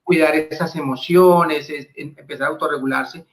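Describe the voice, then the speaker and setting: A man's voice: a little high, steady tone, normal speed. A man hosting a live interview, reading out viewer questions with brief affirmations and some stumbling restarts. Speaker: host.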